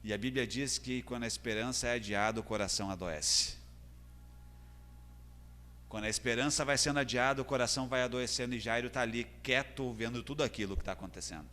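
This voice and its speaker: A man's voice: mid-range voice, brisk, pushed and bright, a little hiss or hum. A man with a Brazilian Portuguese accent preaching a sermon as pastor, earnest and building in intensity. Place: church hall. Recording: long church hall reverb.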